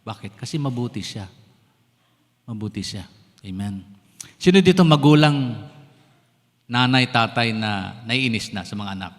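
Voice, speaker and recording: Filipino pastor preaching in an echoing hall. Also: male voice, mid-range voice, lively intonation, measured pace, long pauses, fairly bright tone. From Philippines. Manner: mixes English phrases into Tagalog, asks the congregation questions. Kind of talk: sermon. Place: church sanctuary. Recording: long church-hall reverb.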